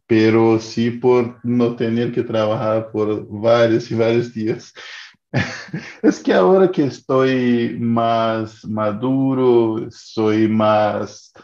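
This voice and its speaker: A man's voice: lowish voice, dark tone. A man in his thirties from Brazil, speaking Spanish as a learner with a Brazilian Portuguese accent, hesitant and searching for words in a casual chat. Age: 30s. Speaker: participant in a language exchange call. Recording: dull lo-fi call audio, echoey room.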